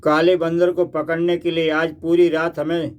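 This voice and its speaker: Steady comic-book hero, a man reading, high and flat, unhurried. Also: clean tone, close to an everyday voice. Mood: firm.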